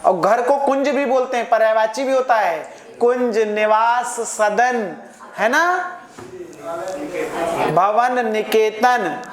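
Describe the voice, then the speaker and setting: A man's voice: very high-pitched, slow pace, long pauses. A man teaching Hindi grammar to a live class, repeating each word several times and often asking his students if they follow. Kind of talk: classroom lecture. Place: echoey classroom full of students. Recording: echoey classroom with student chatter.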